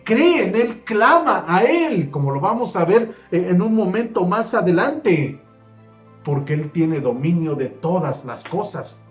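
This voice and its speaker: A man's voice: high-pitched, a little mellow. A man preaching a sermon, emphatic, repeating his key phrases and counting off numbered points. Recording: roomy echo with faint music.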